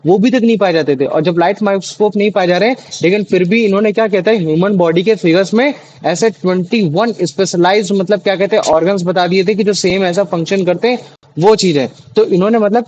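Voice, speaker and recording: A man's voice: sits high, a little mellow, rough recording. A young man tutoring students in a class, explaining patiently with many fillers and restarts. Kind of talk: online class teaching in Hindi.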